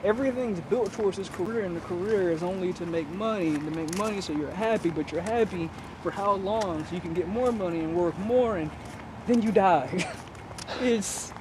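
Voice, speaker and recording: Young man, high voice, rambling and laughing, loud traffic behind, handheld camera outdoors. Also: moderate pace. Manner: rambling, laughs between thoughts. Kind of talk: casual chat while walking. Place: outdoors on a city street at night.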